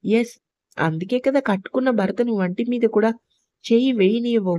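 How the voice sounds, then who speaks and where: A woman's voice: on the high side, normal speed, mellow, no echo, natural voice. A woman voicing a jealous, harsh young husband who scolds and accuses his wife in a told story. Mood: accusing. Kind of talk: storybook narration.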